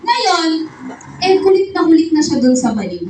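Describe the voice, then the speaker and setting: A woman gives an animated motivational business seminar talk in a hall, often firing call-and-response questions at the crowd. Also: extremely high pitch, normal speed. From Philippines. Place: event hall before an audience. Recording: echoey hall, distant mic, loud noise.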